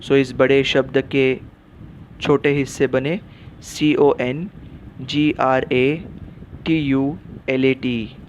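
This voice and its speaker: A man's voice: mid-range voice, level tone, extremely slow, long pauses, highs cut off, slight background noise. A man teaching English phonics in a mix of Hindi and English, spelling words letter by letter with patient explanations. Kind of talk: spoken phonics lesson.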